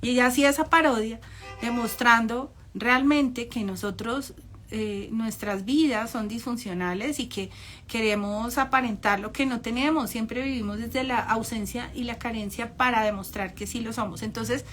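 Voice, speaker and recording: A woman's voice: on the high side, normal speed, fairly bright tone, slight background noise. A woman giving an informal, conversational talk on narcissistic parents, often ironic and acting out the voices she quotes. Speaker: psychology speaker.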